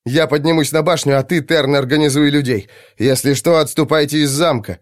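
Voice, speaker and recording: A man's voice: on the high side, brisk, voice pushed up, lightly acted. A man voicing a bold mercenary captain who gives clipped, commanding orders, in an audiobook.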